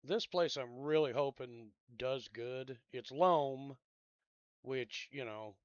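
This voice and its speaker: Easygoing male gameplay commentator, mid-pitched, rambling, dry close sound. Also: slow pace, clear, resonant tone, no room sound, highs cut off. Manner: rambling, thinks out loud with trailing-off asides; laid-back and drowsy, yawns. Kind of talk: casual game commentary.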